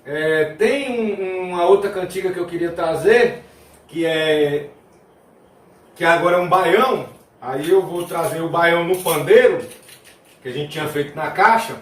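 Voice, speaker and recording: High-voiced man teaching folk songs. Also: unhurried. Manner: sings folk verses with tambourine, then explains in a loose chatty way. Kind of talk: video lesson, singing and explaining. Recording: roomy, mic at a distance. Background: tambourine playing.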